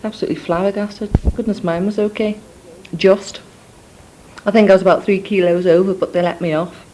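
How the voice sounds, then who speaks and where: A young woman with a Scouse-Scottish blend of accent rambles through a cassette letter to her family, filled with ums and asides. Her medium-pitched voice is mellow and steady at a moderate pace. The indoor cassette or dictaphone recording is low quality, with a little hiss or hum.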